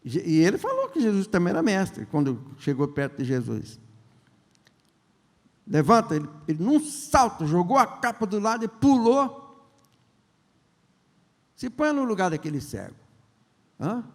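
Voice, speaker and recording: High, lively preaching bishop in echoing hall. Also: male voice. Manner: conversational, joking, asks the congregation questions; acts out the characters' lines in quick voices. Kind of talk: sermon. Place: large church hall. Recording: long church-hall reverb.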